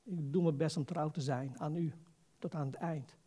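A man's voice: a little high, steady tone, moderate pace, mellow, husky. A man preaching an informal, conversational sermon as a pastor, exhorting his listeners and putting rhetorical questions to them.

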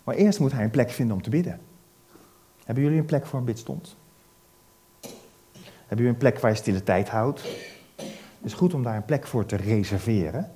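Lively preacher telling a story. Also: male voice, medium pitch, moderate pace, long pauses. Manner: lively storyteller, asks the listeners questions. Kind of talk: sermon retelling a Bible story.

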